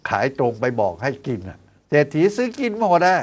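Counting out exercise steps as he goes, a doctor in his sixties hosts a health show in a folksy, chatty style, sprinkling in lively asides and playful rhetorical questions. His voice is a little high and his pace fairly quick.

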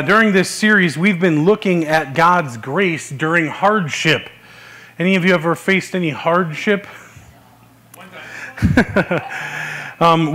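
A man giving a Sunday sermon as pastor, talking in a relaxed, conversational way with many "uh" fillers. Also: fairly high pitch. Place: church service, live-streamed.

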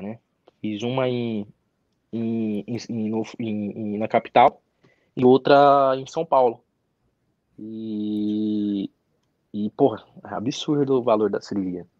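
A young man, a professional footballer, telling his story as an interview guest in a halting way, repeating words and restarting. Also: medium pitch, a little mellow, dry recording. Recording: dry, slightly dull audio.

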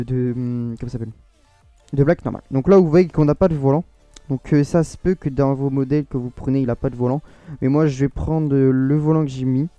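A man from France with a French accent gives a casual, rambling screen-recorded modding tutorial in a warm, medium-pitched voice with no room sound. He often corrects himself and laughs at his own slips.

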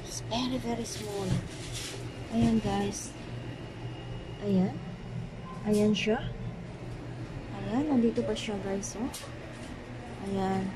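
A Filipino woman vlogging casually on a phone inside a coffee and date shop, chatting to her viewers with a lot of repeated filler words. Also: mid-range voice. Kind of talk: casual shopping vlog. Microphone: handheld phone camera. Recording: phone audio with shop noise.

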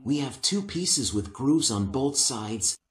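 An older woodworking instructor calmly and methodically walks through each step of assembling a wooden piece, speaking slowly in a medium-pitched voice. He wears a lapel mic, yet the indoor workshop around him adds a noticeable room echo.

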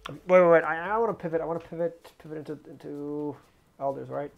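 A man streaming a strategy game, thinking aloud about his moves in low mutters with sudden excited outbursts. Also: vocal fry, phone-quality sound. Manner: mutters plans to himself, quick bursts of surprise. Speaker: gaming streamer. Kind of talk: gameplay commentary, thinking aloud.

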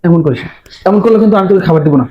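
A man acts out a scheming young man in a low-budget drama, talking fast and coaxing. He keeps his voice insistent and hushed. The sound is dull and lo-fi, with faint noise. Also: close to an everyday voice.

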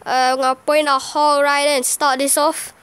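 Excitable high-voiced woman commentating gameplay. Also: normal speed. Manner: excitable, exclaiming and groaning at each play. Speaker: gaming channel host.

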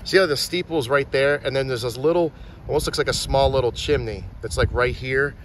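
Casting: man, phone-shot outdoor walking tour, chatty, points things out, middle pitch, faint background noise. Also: fairly quick. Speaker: filming location tour guide. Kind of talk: casual walking-tour narration. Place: outdoors and at shop windows in a small town. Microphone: handheld phone.

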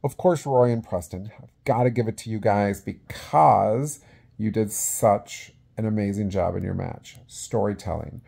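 A man in his forties speaking as a casual awards presenter, halting and conversational, into a phone held at arm's length in a small room. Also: lowish voice, vocal fry, warm tone, husky. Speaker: vlog host presenting awards. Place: small indoor room with plain wall.

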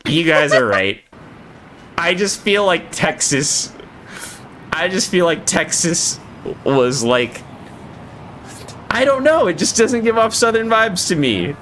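A woman's voice: fairly low pitch, big pitch swings, slow, long pauses, a bit bright. A woman with an American accent bantering casually on a livestream, arguing in an exasperated, sweary way and repeating her words. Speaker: VTuber streamer. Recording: clear background noise with clicks.

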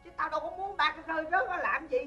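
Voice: very high voice, rapid-fire, pushed and bright. A performer playing a fussy, picky old mother in a stage comedy sketch, scolding her son with a Southern Vietnamese accent. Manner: scolding, exaggerated complaining. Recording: muffled old stage recording, faint music.

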